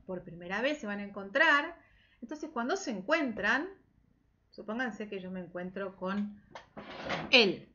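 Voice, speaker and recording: A woman teacher runs a slow, patient English lesson for children from her home, repeating each phrase again and again and switching back and forth between English and Spanish. Her bright voice swings widely in pitch. The sound is dull and lo-fi, like a webcam or phone mic.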